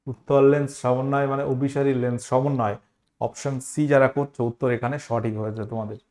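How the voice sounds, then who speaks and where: A man's voice: medium pitch, a little mellow. A man teaching an exam-prep science lesson, explaining step by step, repeating key terms and asking the students questions.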